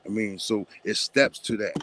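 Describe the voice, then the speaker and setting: Animated man chatting as a guest. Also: on the low side, normal speed. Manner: animated, repeats filler phrases, stutters at times. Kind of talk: casual conversation.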